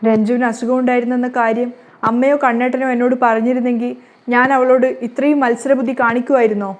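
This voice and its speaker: A tearful, remorseful young woman from a soap-serial recap begs her mother figure for forgiveness in a slightly high voice, as a woman narrator reads her lines. Her delivery is earnest and pleading, and her words keep returning to "mother". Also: level tone, fast, lightly acted.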